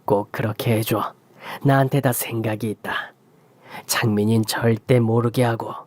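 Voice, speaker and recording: A narrator voicing an older father who is recovering from injury and speaks in low, secretive commands. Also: fairly even intonation, moderate pace, no echo, natural voice. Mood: hushed, stern.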